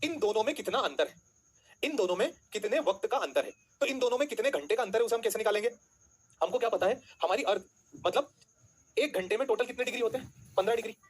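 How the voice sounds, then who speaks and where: Guy teacher, fast and bouncy, slightly husky voice, keeps asking the class stuff then answers it. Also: high voice, animated. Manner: asks students questions then answers them himself; calls students beta, jokingly threatens them. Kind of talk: online class lecture.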